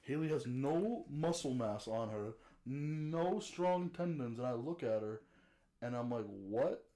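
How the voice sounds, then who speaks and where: Chill young guy on a podcast, dark mellow voice, lots of dude and like. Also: medium pitch, lively intonation, unhurried. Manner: easygoing, says "like" and "dude" a lot. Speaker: podcast guest. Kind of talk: casual chat.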